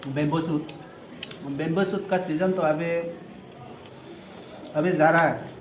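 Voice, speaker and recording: Male mukbang eating host, casual, slightly high voice, talks between bites, some background noise. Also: steady tone, a little slow, reverberant. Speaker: vlog host.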